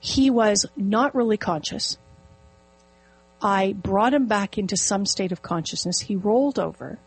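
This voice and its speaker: A middle-aged woman telling a personal story in casual conversation, animated and vivid. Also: mid-range voice, measured pace, husky, rough recording. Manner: animated, storytelling with quoted inner speech. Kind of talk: casual chat.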